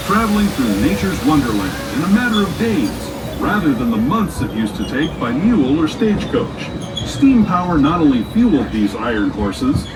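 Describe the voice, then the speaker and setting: A man giving folksy, lively scripted narration for a train ride, heard over an outdoor loudspeaker. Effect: played over a train's outdoor loudspeaker. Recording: distant loudspeaker with train rumble.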